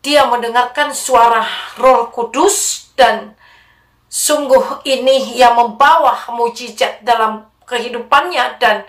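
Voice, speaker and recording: Woman channel host, measured religious commentary, higher voice, roomy echo. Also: fairly bright tone. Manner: measured, addresses viewers as friends. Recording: echoey room.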